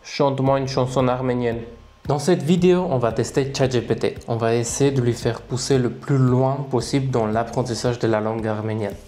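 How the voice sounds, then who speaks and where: A man's voice: mid-range voice, a little fast, few pauses, mellow. A man casually walking through his screen, chatty and amused, thinking aloud as he goes. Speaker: language-learning video creator. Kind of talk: casual screen-recording commentary.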